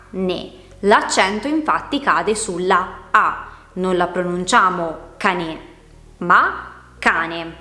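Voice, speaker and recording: A woman gives a patient lesson at an unhurried pace, sounding out each word syllable by syllable. Her voice sits in a middle register. The room around her rings with noticeable echo. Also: mid-range voice, a bit bright. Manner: spells out words syllable by syllable. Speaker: Italian teacher. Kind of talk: slow, clear explanatory lesson.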